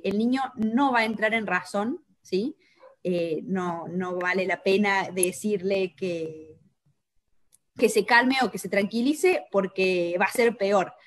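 A woman with a Chilean Spanish accent calmly explaining parenting techniques on a local talk show, with frequent hesitations. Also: mid-range voice. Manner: calm, explanatory, many hesitations. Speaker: co-host. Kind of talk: casual talk show conversation.

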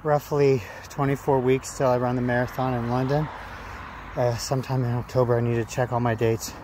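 A middle-aged man talking casually to his phone outdoors in a halting, phrase-by-phrase way, as an amateur runner making a vlog. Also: mid-range voice, flat delivery. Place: outdoors among trees. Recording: noisy outdoor ambience with traffic. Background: outdoor and vehicle noise.

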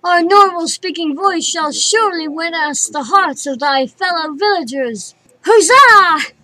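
Princess Luna, a high, imperious pony princess. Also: female voice, lively intonation, a little slow, pushed and bright, heavily acted, low-quality recording. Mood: jubilant. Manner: formal archaic diction, royal we, declamatory. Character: regal winged moon pony princess, imperious, archaic, dramatic, awkward. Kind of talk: cartoon character voice reel.

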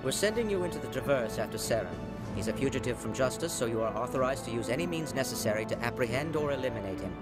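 A man's voice: mid-range voice, animated, lightly acted. An actor playing a solemn male councillor in a video game. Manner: solemn, measured. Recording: game audio under loud music.

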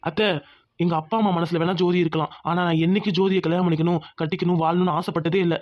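A man's voice: high-pitched, fairly even intonation, fast talker, no echo, lightly acted. A man voicing an earnest young husband in a cartoon who pleads with his father. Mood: pleading. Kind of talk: cartoon dubbing. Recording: dull lo-fi audio.

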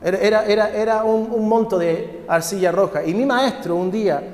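A man's voice: high voice, moderate pace, darkish tone, lightly acted. A man voicing a talking clay cup, female and pleading, crying out for the pain to stop. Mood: weary. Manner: wailing cries for it to stop. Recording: echoey hall.

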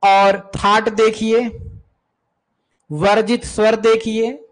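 A man's voice: high voice, flat delivery, very slow, low-quality recording. A man coaching students for music teacher exams, who repeats key terms and speaks to students as "beta" while answering viewer questions.

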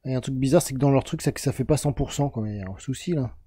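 Rambling French man, dark voice. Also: medium pitch, very fast, slightly rough. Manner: rambling, self-correcting, talks to the viewer as "tu". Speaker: self-help video host. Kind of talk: casual explanatory monologue while drawing a chart.

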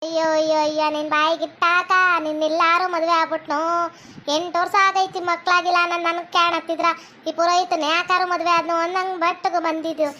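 A woman plays a furious wife who scolds and hurls insults. Her voice is very high and quick, and a faint hiss of noise sits behind her. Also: little pitch movement, pushed and bright. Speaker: comedy skit actress playing an angry wife.

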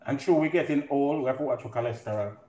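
Talking fast in a dark, medium-pitched voice, a middle-aged Jamaican home cook casually hosts a playful live cooking demo indoors at home. The kitchen sounds roomy and clear, punctuated by clattering pots.

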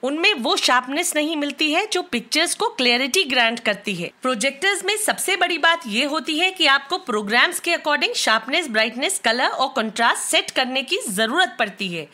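Bright, high-voiced Indian woman reviewer. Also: expressive, moderate pace, hardly any pauses. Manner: clear, matter-of-fact explaining. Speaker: tech reviewer. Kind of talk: product review narration. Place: bedroom at home.

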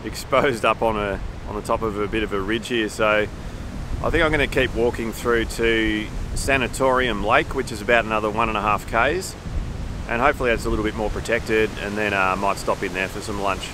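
A man's voice: fairly low pitch, fairly even intonation, fairly quick. A man, chatting easily with fillers while walking a windy forest trail, filmed on a camera held at arm's length. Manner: easygoing, meandering, with many fillers. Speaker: hiking vlogger. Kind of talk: casual walking commentary. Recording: background music over outdoor audio. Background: clear music.

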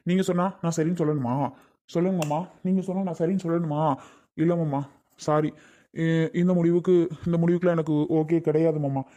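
A man's voice: fairly high pitch, fairly even intonation, fairly quick, dark tone, natural voice. A man playing a young husband and father who is defiant and heated, firing repeated questions, in a family drama skit. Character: young husband, protective and hot-tempered father.

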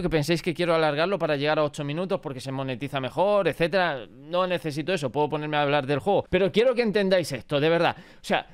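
Excitable young gaming vlogger. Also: male voice, on the high side, clean tone. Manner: excitable, swearing, mock-indignant rants. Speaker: gaming YouTuber. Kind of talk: casual gaming commentary to camera.

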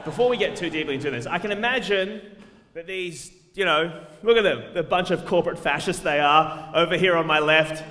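A man's voice: on the high side, fairly quick, sharp tone. A man giving a sarcastic, swearing stand-up comedy debate speech in a large hall. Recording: echoey hall, live audience.

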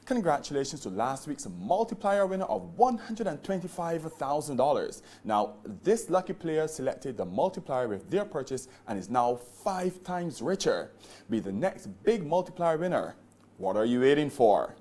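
A man's voice: fairly high pitch, sing-song, moderate pace, a little mellow. A middle-aged man presenting a televised lottery draw in a formal, emphatic announcer's delivery. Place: TV studio.

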